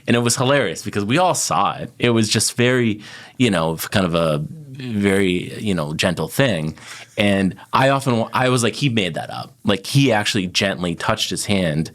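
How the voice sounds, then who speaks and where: Male interview host, inquisitive and conversational, very low voice. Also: expressive, moderate pace, fairly bright tone. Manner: curious, chatty questioner. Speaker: podcast host. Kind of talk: casual interview chat.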